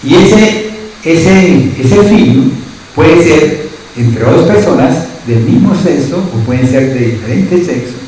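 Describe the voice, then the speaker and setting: Pastor in an echoey church hall. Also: male voice, a little high, expressive, mellow, recorded from a distance, slight background noise. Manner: keeps asking the congregation "¿sí?" as he teaches; lists word meanings slowly, one by one. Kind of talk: teaching sermon.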